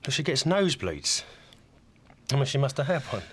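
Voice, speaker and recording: An actor playing a defensive British man under police questioning in a TV drama, halting, emotional and pleading. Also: mid-range voice, sing-song, a bit bright, slightly rough. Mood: subdued, defensive. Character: male suspect, defensive, agitated, pleading.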